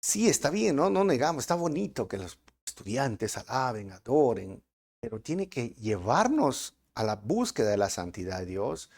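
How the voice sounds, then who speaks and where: A man with a Peruvian Spanish accent preaching a verse-by-verse sermon as pastor, with animated delivery and rhetorical questions. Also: mid-range voice.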